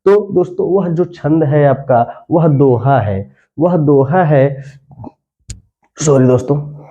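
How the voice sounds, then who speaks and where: A man teaches a grammar lesson slowly, repeating phrases often and drawing out verse lines as he chants them. His voice is a little high with lively intonation, and the audio is narrow and tinny.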